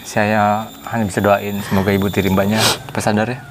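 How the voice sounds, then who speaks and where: An actor playing a humble, polite young farmhand who talks gently and comfortingly. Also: male voice, lowish voice, flat delivery, a little fast, background noise, natural voice. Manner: soft-spoken, polite. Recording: music behind the voice.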